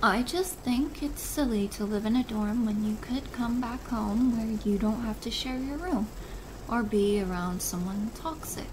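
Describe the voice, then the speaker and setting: A woman playing a possessive, doting and controlling stepmother in an ASMR role-play drama, chiding in a deliberate, motherly way. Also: on the high side, natural voice. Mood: scolding, coaxing. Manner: slow, deliberate, softly chiding, maternal. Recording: noisy rain ambience behind voice. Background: rain.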